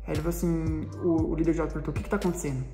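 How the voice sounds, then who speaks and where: A man's voice: on the high side, flat delivery, rapid-fire, vocal fry. A man with a Brazilian accent giving a personal faith testimony in a casual, slangy storytelling way, acting out the dialogue. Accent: Brazilian Portuguese. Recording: roomy echo with long reverb, faint background music.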